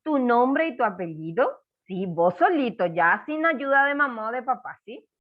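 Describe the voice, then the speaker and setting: A woman teaching a first-grade class, slow and encouraging, spelling words out for young children. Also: on the high side, sing-song, dull audio. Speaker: primary school teacher.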